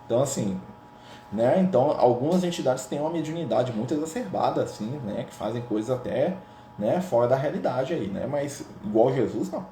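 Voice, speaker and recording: A man's voice: mid-range voice, animated, brisk, dark tone, a little hiss or hum. A man with a Brazilian Portuguese accent leading a gospel study in a conversational way, often ending his phrases with tag questions. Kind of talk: informal spiritual teaching. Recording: roomy echo.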